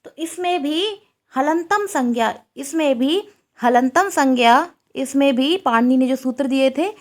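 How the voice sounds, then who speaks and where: A woman's voice: sits high, a little slow. A woman teaching a Sanskrit exam-prep lecture, asking questions and repeating the answers.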